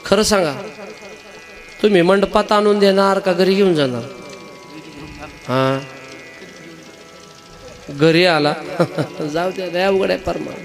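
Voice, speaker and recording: High-voiced teasing kirtan preacher. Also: male voice, steady tone, slow, gravelly, long pauses. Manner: teasing, rhetorical, scolding. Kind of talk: devotional sermon with storytelling. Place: pavilion before a live gathering. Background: music.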